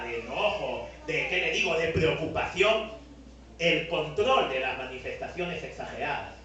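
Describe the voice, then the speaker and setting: Animated Peruvian pastor in an echoey hall. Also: male voice, mid-range voice. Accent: Peruvian Spanish. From Peru. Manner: animated preaching, acting out quoted voices. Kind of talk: sermon. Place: large church hall. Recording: echoey hall, mic at a distance.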